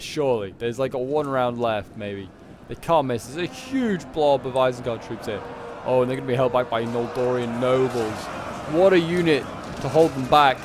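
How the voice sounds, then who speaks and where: A man giving casual, animated live commentary on a strategy game battle in colloquial speech. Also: medium pitch, noisy background. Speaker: gameplay commentator.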